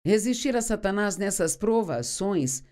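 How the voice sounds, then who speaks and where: A woman's voice: medium pitch, expressive, unhurried, a little mellow. A woman giving an earnest sermon teaching as a dubbed voice-over, reading scripture aloud and explaining it. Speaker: Bible teacher.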